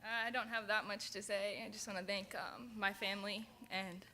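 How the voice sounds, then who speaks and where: A young woman graduate speaking shyly and softly, close to tears, heard from a distance. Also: medium pitch, little pitch movement, moderate pace, big-room sound. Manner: shy, soft and teary, with nervous laughs. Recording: distant voice over a noisy crowd.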